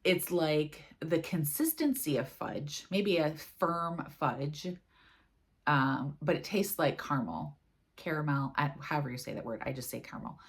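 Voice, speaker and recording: A woman's voice: low-pitched, animated, unhurried. An American woman chatting casually about her cross-stitch project, rambling and dropping lots of fillers. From United States. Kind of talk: casual chat.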